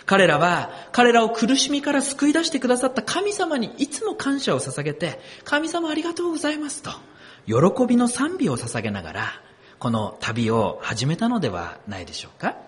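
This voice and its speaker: A man's voice: high-pitched, huge pitch swings, moderate pace, slightly rough. A man preaching a sermon as pastor, telling the story expressively and asking the congregation questions.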